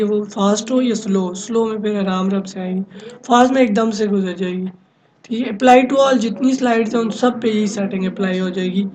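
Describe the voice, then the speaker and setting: A man teaching a software lesson on a screen recording, explaining each step, often checking with "okay?", and mixing in English technical terms. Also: sits high, slight background noise, poor audio. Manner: mixes many English software terms into his talk. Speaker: computer instructor.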